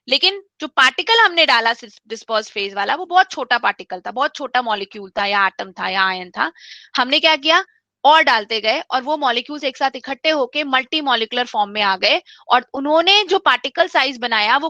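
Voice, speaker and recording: Woman chemistry teacher, high bright voice, patient step-by-step explainer, dry close mic. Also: expressive, fairly quick, no room sound, highs cut off. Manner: explains step by step, repeats key points; mixes English terms into speech. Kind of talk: online class lecture.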